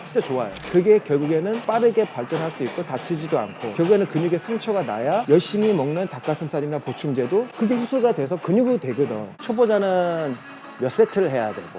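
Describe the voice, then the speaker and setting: A man's voice: a little high, very animated, brisk, music in the background. A man working as a fitness coach, explaining gym machines in a casual, chatty way while demonstrating.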